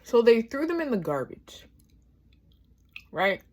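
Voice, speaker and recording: An American vlogger in her twenties, with a fairly high, very animated voice, speaks slowly through a casual, rambling complaint full of swearing. She eats as she goes, talking with her mouth full.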